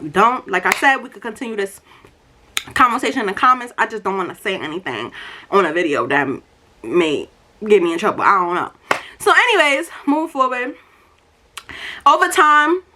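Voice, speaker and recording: A young woman, a little tipsy, telling a story to viewers in an animated, slangy, emphatic way and acting out dialogue. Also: a little high. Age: young adult. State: tipsy from drinking. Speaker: storytime vlogger.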